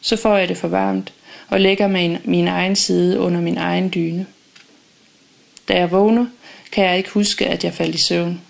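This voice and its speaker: A woman reading a first-person audiobook in a calm, measured, intimate way. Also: lowish voice, gravelly. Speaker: audiobook narrator.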